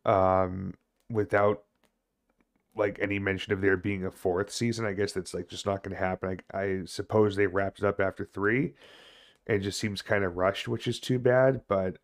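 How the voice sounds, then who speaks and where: A man in his thirties chatting casually on a game livestream, rambling haltingly and swearing now and then. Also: sits low, steady tone. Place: small indoor home room.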